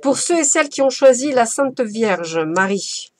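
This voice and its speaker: A woman's voice: a little high, expressive, unhurried, no room sound. A woman giving a casual, playful oracle card reading as a medium, chatty and effusive. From France.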